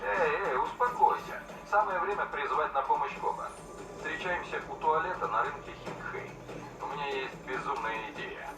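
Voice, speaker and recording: A man acting in a video game as an assured police officer giving calm instructions. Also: on the high side, moderate pace, close to an everyday voice. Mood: reassuring. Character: calm, assured male cop on a phone call. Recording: distant echoey sound with game music.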